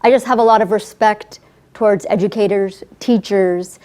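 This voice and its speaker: A woman in her forties, born in Afghanistan and a native Farsi speaker, earnestly shares her life story as an author guest in an interview. Her mid-range voice is slightly mellow, with fairly even intonation and a normal pace. She sounds heartfelt and often says "I mean."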